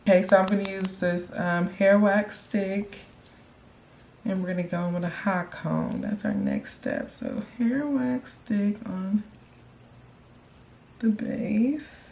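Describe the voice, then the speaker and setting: A woman's voice: lowish voice, very animated, unhurried, vocal fry, darkish tone, a little hiss or hum. A young woman chatting casually to her viewers while doing her own hair, explaining each step in a self-assured way. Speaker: beauty vlogger. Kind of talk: casual hair tutorial talk.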